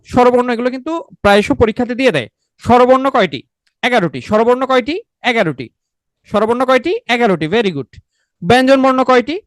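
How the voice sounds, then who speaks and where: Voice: medium pitch, no echo. Teacher drilling exam questions. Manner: drills by asking questions and answering them itself; repetitive and coaxing, often adds a checking "okay?". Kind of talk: online exam-prep lecture.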